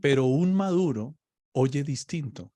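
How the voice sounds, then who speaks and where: Man, preacher, slow deliberate teaching, dry close sound. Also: medium pitch, lively intonation, dark tone, dry recording. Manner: slow, explaining, checks understanding with "¿ok?". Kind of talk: teaching on faith in a conversation.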